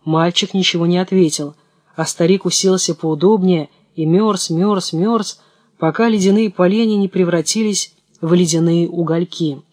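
A man with a fairly high voice reads a fairy tale aloud in a calm, even way. The sound is close and dry, with no room around it. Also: moderate pace, no echo. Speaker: narrator. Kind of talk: storybook narration.

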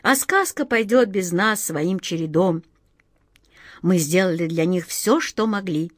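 Brief: woman doing kindly scatterbrained wizard, soft and teasing, lively. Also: lowish voice, a little slow, no room sound, clean studio sound. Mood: gentle. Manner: gentle, teasing. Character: kindly, absent-minded male wizard.

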